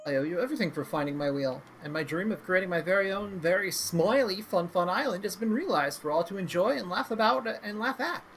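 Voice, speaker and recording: A manic, silly clown, pitched up and swooping through a video game showman's patter. The delivery is loud and gleeful, gushing and sing-song, with music behind it. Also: lively intonation, brisk, few pauses, poor audio. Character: manic, gleeful carnival clown running a fun island game. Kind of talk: video game character read-aloud.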